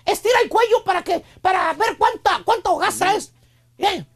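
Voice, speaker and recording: A Mexican man hosting a comedy radio show, teasing his co-hosts and mocking a bossy wife in a quick, joking way. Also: very high-pitched, lively intonation, gravelly.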